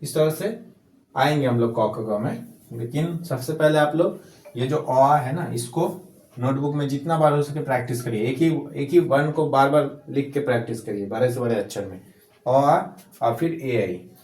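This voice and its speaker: A man's voice: medium pitch, normal speed, darkish tone. Male Hindi tutor, patient and repetitive, walking students through each letter step by step, roomy echoey sound. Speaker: Hindi teacher. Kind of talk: casual handwriting lesson. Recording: echoey room.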